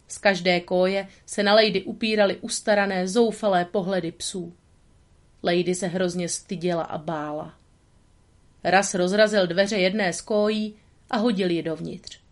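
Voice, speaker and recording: Woman reading a storybook calmly. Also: medium pitch. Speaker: narrator. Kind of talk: storybook narration.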